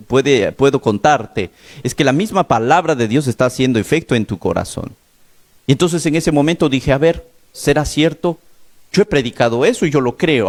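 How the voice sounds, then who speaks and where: Pastor guy preaching, a bit hoarse from a sore throat, fairly high voice, tells it with urgency. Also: darkish tone. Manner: storytelling, urgent and emphatic. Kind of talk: sermon.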